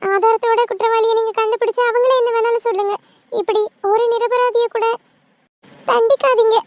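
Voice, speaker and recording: A woman's voice: very high-pitched, level tone, fairly quick, slight background noise. A woman voicing a young village wife who was wrongly accused, in a cartoon. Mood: earnest. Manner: sincere, pleading.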